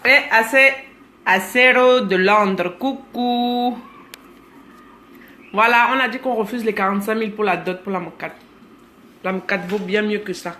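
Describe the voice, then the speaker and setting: On a relaxed live stream, a woman in her thirties with a Cameroonian accent reads comments aloud, calls viewers by name, and pokes fun at them. She speaks at a moderate pace in a mid-range voice with fairly even intonation and a sharp tone.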